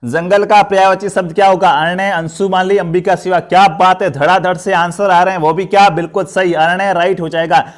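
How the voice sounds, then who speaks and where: A man's voice: sits high, fairly even intonation, a little fast, few pauses. A man teaching a live online grammar class. He keeps asking questions and answering them himself, and he encourages the students.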